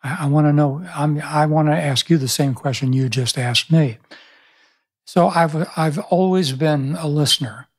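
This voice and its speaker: Recorded on a boom-arm studio mic in a small room, a husky, higher-pitched older man speaks at normal speed. He's a pastor and author in his 70s, reflectively recounting stories in an interview and frequently starting his sentences over.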